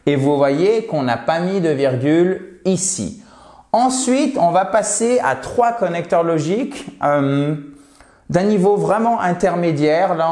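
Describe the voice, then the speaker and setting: A man's voice: fairly high pitch, a little mellow. French-speaking man teaching English, echoey room. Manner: patient, repeats English words slowly to drill pronunciation. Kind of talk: video lesson at a whiteboard.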